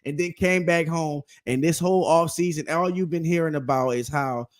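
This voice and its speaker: A man co-hosting a casual sports podcast, talking in an animated, emphatic way and repeating his points. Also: fairly high pitch, normal speed. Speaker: podcast co-host.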